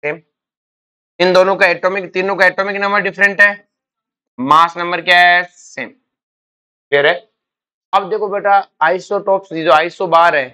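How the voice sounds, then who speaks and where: A man's voice: sits high, sharp tone, clean tone. A male chemistry teacher lecturing in class, firing questions and answering them himself, calling students "beta". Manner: quizzing students with repeated questions.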